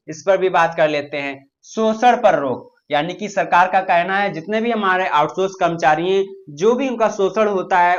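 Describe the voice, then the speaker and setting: A man's voice: high-pitched, highs cut off. A man hosting a news channel, explaining news informally with hesitant fillers and restarts.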